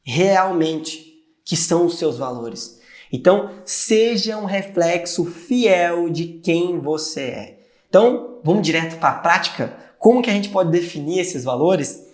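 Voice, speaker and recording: A man's voice: sits high, animated, unhurried. A man with a Brazilian Portuguese accent talking straight to the viewer about personal values, earnest and conversational, like a motivational video creator. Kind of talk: motivational talk to camera. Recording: roomy echo.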